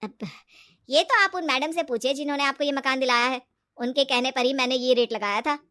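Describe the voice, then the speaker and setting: Give me a woman playing a loud, blunt male property dealer. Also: sits high, brisk.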